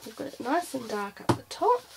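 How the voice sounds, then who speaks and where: A woman's voice: high-pitched, big pitch swings, brisk. A woman presenting an informal craft demonstration, thinking aloud as she goes. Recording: clear background noise, clicks.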